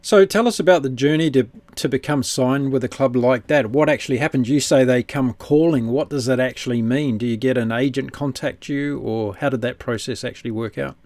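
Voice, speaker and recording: Man, interview host, middle pitch, conversational questioning, dry recording with little echo. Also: brisk, hardly any pauses, a little mellow.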